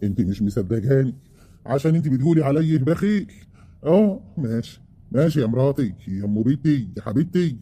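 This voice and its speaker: A man's voice: a little high, dark tone. A man with an Egyptian accent voicing a scheming middle-aged husband who defends himself and trades insults with his wife. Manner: defensive, wheedling.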